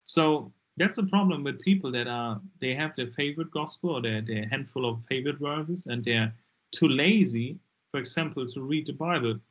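A man's voice: medium pitch, moderate pace, lo-fi sound. A man in his forties from Germany with a German accent, a non-native English speaker talking emphatically as a guest on a video call through earbuds, often repeating words. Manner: emphatic, repeats words when pressing a point. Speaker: guest, deliverance minister. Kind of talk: casual interview talk. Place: dim room indoors.

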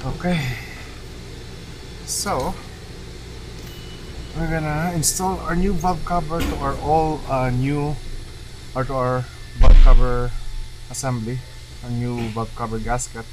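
Male mechanic for casual how-to narration: plain, practical delivery, ordinary mid pitch, recorded in a noisy garage. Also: little pitch movement, takes it slowly, pauses often. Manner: plain, matter-of-fact. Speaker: mechanic giving a repair tutorial. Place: car repair garage. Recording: clear workshop background noise.

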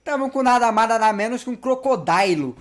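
A man giving casual gameplay commentary, slangy and playful, talking to the game's characters and getting excitable in the action. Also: very high voice, fairly quick. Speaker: gameplay youtuber.

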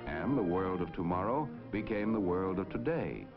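Male announcer, 1950s broadcast narration, stately and declamatory, low voice, muffled old film soundtrack. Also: expressive, normal speed, music in the background.

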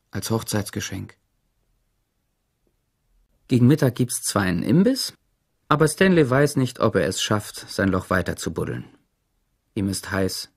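Expressive male audiobook narrator. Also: lowish voice, creaky. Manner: expressive storytelling. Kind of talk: scripted narration.

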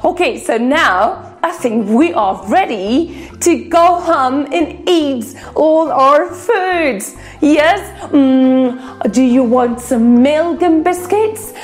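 High-voiced, slow, cheerful kids' teacher woman. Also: faint music behind. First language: Spanish. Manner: animated, exaggerated, sounding out letters. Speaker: children's English teacher. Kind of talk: playful phonics lesson for kids.

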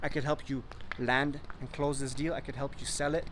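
A man's voice: level tone, normal speed, fairly bright tone, slight background noise. A young man hosting a property vlog, speaking persuasively to a phone held at arm's length outdoors at a sunny mountain resort. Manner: upbeat and persuasive, pitching to investors. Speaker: real estate investor and vlog host. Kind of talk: enthusiastic sales vlog to camera. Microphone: phone held at arm's length, selfie video.

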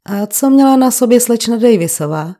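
A woman's voice: a little high, expressive, warm tone, voice pushed up, lightly acted. A woman reading an audiobook, voicing a persistent male police detective who questions a witness insistently. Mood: probing.

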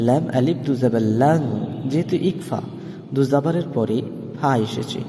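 A man teaching Quran reading, spelling out syllables slowly and breaking into melodic chanted recitation. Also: mid-range voice, mellow, long reverb tail, slight background noise.

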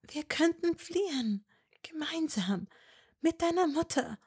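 A woman's voice: high voice, animated, measured pace, voice pushed up. A woman reading a fan story and voicing a desperate young witch who presses and pleads insistently. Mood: pleading. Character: desperate, stubborn young witch held captive.

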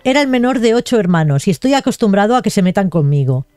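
A woman's voice: mid-range voice, sing-song, fast talker, mellow, clean tone, dry recording, lightly acted. A woman reading aloud the lines of a shy young male villager who loves trees, in a bashful, rambling way. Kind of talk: reading game dialogue aloud.

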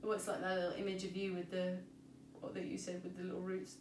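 A woman's voice: fairly low pitch, fast, distant mic. A woman speaks in an easy, informative way as she co-hosts a wine chat. She sits back from the mic in an echoey room. A faint hum runs underneath her voice. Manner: relaxed, informative, frequent agreeing. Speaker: podcast co-host. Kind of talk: casual wine-tasting chat.

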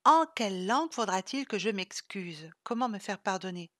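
A woman reading the lines of a gentle, weary man cursed for centuries, speaking softly and tenderly. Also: mid-range voice, expressive, normal speed, dry recording, studio quality.

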